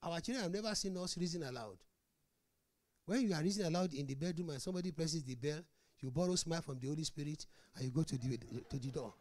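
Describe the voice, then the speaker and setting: A middle-aged pastor delivers a sermon on marriage in a fast, rather high voice, animatedly telling stories and playing both parts of conversations. The recording is clean, like a studio, with no room sound.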